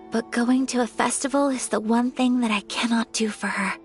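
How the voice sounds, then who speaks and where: A woman playing a gentle, refined young noblewoman in a video game, speaking politely and earnestly in a formal, measured way. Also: on the high side, fairly even intonation, faint music behind, natural voice. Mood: solemn, resigned. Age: young adult. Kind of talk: video game character acting.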